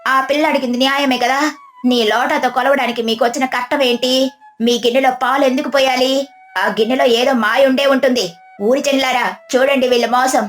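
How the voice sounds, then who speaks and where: A woman voicing a bold, outspoken village woman who scolds loudly in a raised, higher voice. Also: steady tone, brisk, soft background music. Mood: scolding. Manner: loud, scolding.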